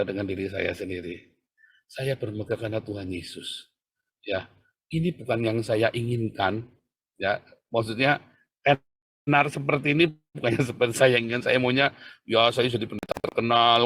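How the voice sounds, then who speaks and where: A man preaching a sermon as a pastor, animated and often addressing his listeners directly. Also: lowish voice.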